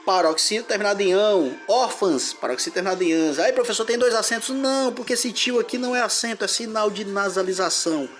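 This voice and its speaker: A man's voice: high-pitched, expressive, fast talker, few pauses, a bit bright, faint music behind. A man teaching a grammar lesson, explaining step by step and splitting words into syllables.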